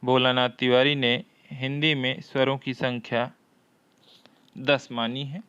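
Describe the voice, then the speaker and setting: A man leads an exam-prep lesson at a slow, deliberate pace. His voice is smooth and clear, and he repeats each question before working through the answer. The sound is dry and a bit dull, as if close-miked in a small room. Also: mid-range voice, little pitch movement, a bit bright, dry recording. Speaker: Hindi teacher.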